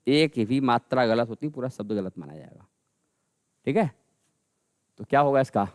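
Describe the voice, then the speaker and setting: A man teaching a grammar lesson, repeating words slowly and calling his students "bhai". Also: mid-range voice, lively intonation, no echo, clean studio sound. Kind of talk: classroom lesson.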